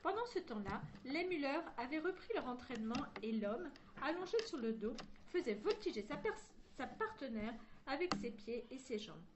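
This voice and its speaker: A woman's voice: high voice, big pitch swings, normal speed, hardly any pauses, background noise. A woman reading a chapter of a children's novel aloud, voicing each character in turn, with occasional slips and restarts. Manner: reads all characters in one voice, with slips and restarts. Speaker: reader of a children's story.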